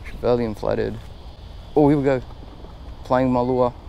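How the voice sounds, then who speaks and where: An Australian man giving chatty, excitable commentary while fishing from a small boat on a river, recorded on an action camera. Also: medium pitch, moderate pace, vocal fry, lo-fi sound, a little hiss or hum. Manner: chatty and excitable, laughs often. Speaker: fishing vlogger.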